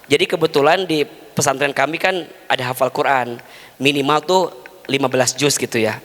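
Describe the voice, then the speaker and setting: Male preacher, Sundanese accent, playful storyteller, crisp bright tone, echoey mosque hall. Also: medium pitch. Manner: lively, jokey, quick shifts between loud and hushed. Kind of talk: humorous storytelling sermon.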